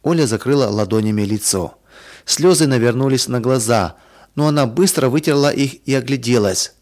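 Calm guy reading a kids' story aloud, measured and even. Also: mid-range voice. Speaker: narrator. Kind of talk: storybook narration.

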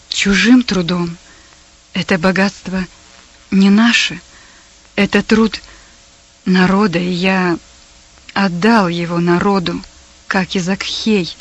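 A woman voicing a devout father who speaks quietly, tenderly and meekly. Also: medium pitch, muffled recording. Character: gentle devout father, humble, former rich lord.

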